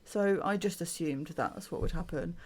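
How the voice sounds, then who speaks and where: A woman's voice: fairly low pitch, normal speed, a little mellow. Dry, weary woman. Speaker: podcast co-host. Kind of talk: casual chat.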